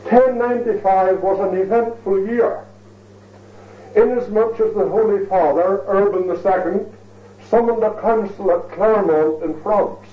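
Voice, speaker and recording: High-voiced lecturer, tinny distant. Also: male voice. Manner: measured, ornate, repeats phrases for emphasis. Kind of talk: formal history lecture. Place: lecture hall. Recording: tinny, echoey recording from far off.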